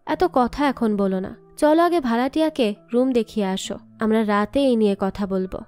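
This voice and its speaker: A worried middle-aged father who brushes off every concern, spoken in a high, bright register as a woman narrator reads him. He sounds calm and placating, with faint music underneath. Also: normal speed, close to an everyday voice.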